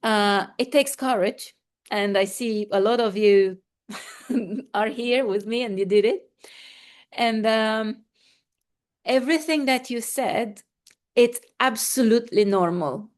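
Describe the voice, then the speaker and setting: Slow, gentle woman coach. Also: fairly high pitch. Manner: gentle, repetitive affirmations; calm coaching tone with breathing cues. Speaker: transformation coach hosting a live online session. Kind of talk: guided affirmations and reading out chat responses.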